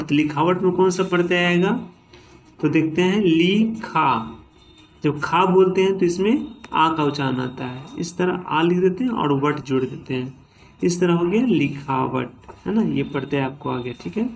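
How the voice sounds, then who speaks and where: A man whose voice is on the high side teaches at a moderate pace, with slight background noise. In this classroom-style grammar lesson he splits words into syllables, repeats himself, and regularly checks in using "ठीक है" and "है ना."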